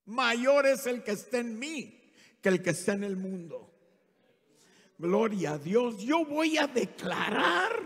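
A man evangelist preaching a fervent sermon in a church, shouting his declarations. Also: very high voice, breathy edge. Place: church sanctuary. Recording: reverberant church hall.

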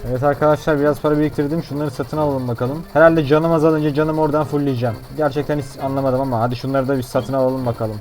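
A man giving excitable, brash and jokey commentary on his own gameplay as a gaming YouTuber. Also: medium pitch, rapid-fire, hardly any pauses, faint music behind.

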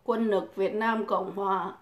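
A woman's voice: mid-range voice, fairly even intonation, unhurried. A woman, crudely taunting and cursing in a mocking livestream rant. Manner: mocking, provoking, swears constantly. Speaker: livestream host. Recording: echoey room.

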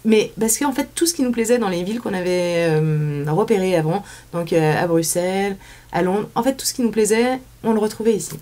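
A French woman in her thirties with a French accent chats casually as an interview guest on a small indoor studio set, full of fillers and restarts. Her mellow, medium-pitched voice is animated and fairly quick.

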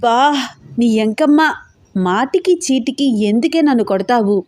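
A woman's voice: fairly high pitch, animated, unhurried, mellow, dry recording. A woman voicing a playful young man who teases his bride-to-be in an audio story. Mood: teasing. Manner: playful, teasing. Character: teasing young man, kickboxer fiancé.

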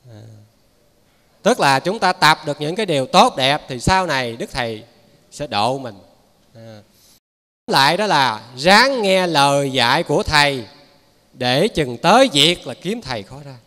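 A man's voice: fairly high pitch, sing-song, measured pace, pushed and bright. A man with a Southern Vietnamese accent giving a Buddhist dharma talk as a lay preacher, in a folksy, conversational way with frequent asides to his listeners. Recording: reverberant hall.

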